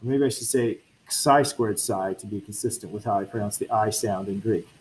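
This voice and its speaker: A man with a fairly low, slightly mellow voice speaks a little quickly as he thinks aloud through physics equations in a university lecture, fixing his own mistakes and chatting casually with students. The low-quality recording has slight background noise.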